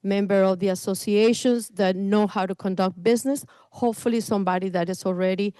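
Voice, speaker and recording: A middle-aged Costa Rican woman, a realtor, speaks as a guest at a business meeting in Costa Rican Spanish. Her mid-range voice is steady, fairly quick and dark, with no room sound. She's enthusiastic and effusive, laughing between phrases.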